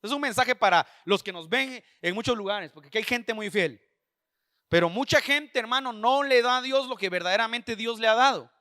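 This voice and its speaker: A man delivers a sermon in a strikingly high, bright voice. He preaches with fervor, repeating phrases and speaking straight to his listeners. The recording is dry and close, with almost no room sound. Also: normal speed, dry recording. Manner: impassioned, repetitive preaching with direct address. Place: church service.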